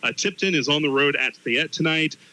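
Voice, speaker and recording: A man's voice: fairly high pitch, normal speed, sharp tone, slight background noise. A man co-commentating on a live sports broadcast, talking conversationally from the booth. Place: stadium press booth.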